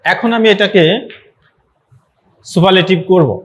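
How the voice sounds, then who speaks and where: A male English teacher giving an online grammar lesson, repeating words slowly for students and adding encouraging asides. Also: sits high, fairly even intonation.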